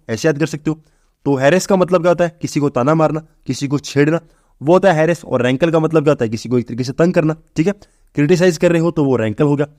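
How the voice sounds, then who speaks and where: A young man teaching exam vocabulary, briskly asking and answering his own questions. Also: a little high, darkish tone, no room sound, studio quality. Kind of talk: exam-prep vocabulary lesson.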